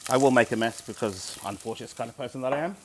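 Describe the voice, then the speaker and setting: A man's voice: mid-range voice, racing, slight background noise. A man from Barbados, casually explaining dishes as a street-food cook in a cooking demonstration. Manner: informal, explanatory.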